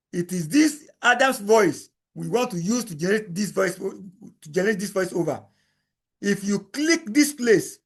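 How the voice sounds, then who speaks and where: A man teaching a software tutorial, repeating each step in plain explanatory talk. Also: sits high. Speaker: instructor. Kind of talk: screen-recording software tutorial.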